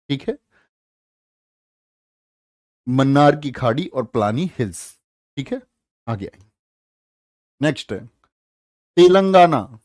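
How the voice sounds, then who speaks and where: Lively man teaching with memory tricks. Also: a little high, no room sound, studio quality. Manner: lively, asks questions and answers them himself. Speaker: online exam-prep teacher. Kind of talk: animated classroom lecture with memory tricks.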